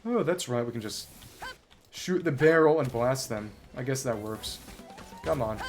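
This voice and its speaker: Streaming a game live, a man thinks aloud in bookish language, chatting casually with viewers and drifting between topics. His medium-pitched voice is expressive and a little slow, with soft music in the background.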